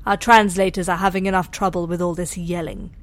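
A woman voicing a cool, politely menacing alien interrogator in a sci-fi audio drama, measured and condescending. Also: lowish voice, steady tone, close to an everyday voice.

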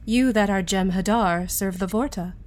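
Female actor, analytical captive, calm, medium pitch, sci-fi audio drama. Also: normal speed, close to an everyday voice.

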